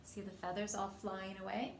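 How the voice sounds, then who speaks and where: At an ordinary speed, a woman with a mid-range voice reads aloud from a picture book to young children. She acts out the dialogue with feeling and asks the kids questions along the way. Echo fills the room, and faint noise sits in the background.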